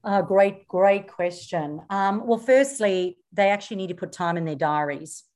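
A woman's voice: mid-range voice, a little slow, darkish tone. A middle-aged woman from South Africa whose accent is blended with Australian, answering interview questions in an earnest, explanatory way with frequent ums. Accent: South African mixed with Australian. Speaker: podcast guest, social media coach.

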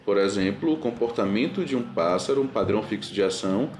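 A man's voice: fairly low pitch, animated, a little fast, a little mellow, roomy sound, slight background noise. A man teaching an online lecture in a patient, reassuring manner and answering students' questions.

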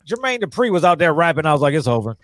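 A man co-hosting a loose podcast chat, jumping in with emphatic, profane remarks. His voice sits a little high. The sound is close and dry, with no room echo. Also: very animated, racing. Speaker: podcast co-host. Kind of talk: casual chat.

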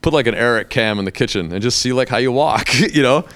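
A man's voice: mid-range voice, lively intonation, fast, a bit bright, no echo. A middle-aged man talking casually as a podcast guest, blunt and joking, swearing now and then. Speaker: guest, hair educator.

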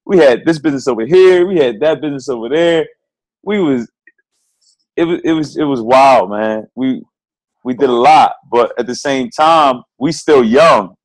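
A man's voice: medium pitch, moderate pace, low-quality recording. Heartfelt motivational young man. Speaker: podcast co-host. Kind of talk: casual podcast chat.

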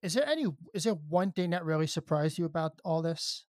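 Higher-pitched man asking casual interview questions. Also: lively intonation, brisk, dry recording, clean studio sound. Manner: conversational, rephrases his questions. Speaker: podcast co-host.

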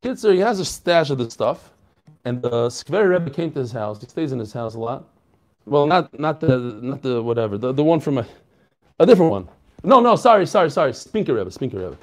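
A man giving a casual daily Talmud class, joking and animated, often restarting and correcting himself, with Hebrew and Yiddish terms mixed in. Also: medium pitch, fairly quick. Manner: frequent restarts and self-corrections. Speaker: Talmud teacher.

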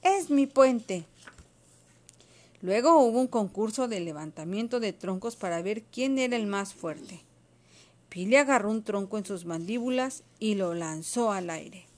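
A woman reading a children's storybook aloud to a child, expressive and patient. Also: medium pitch, moderate pace.

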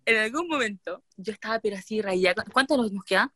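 A woman's voice: medium pitch, a little fast, no echo, clean studio sound. A young woman with a Chilean accent, co-hosting a casual chat with her sisters and telling stories with lots of slang and laughter. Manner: lively storytelling peppered with slang and laughter. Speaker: podcast co-host.

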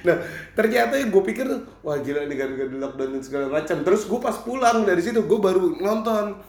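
A man's voice: sits high, animated, fast. A young man with a Jakarta Indonesian accent, hosting a casual, slangy group chat. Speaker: podcast host. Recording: echoey untreated room.

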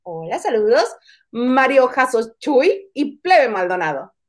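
A woman co-hosts a casual live show, dropping in quick, joking remarks. Her voice is high and moves all over the place. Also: very animated. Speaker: co-host. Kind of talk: casual chat.

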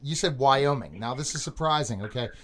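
A man's voice: mid-range voice, expressive, fairly quick, a bit bright. A man hosting an interview, eager and often jumping in with questions. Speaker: host.

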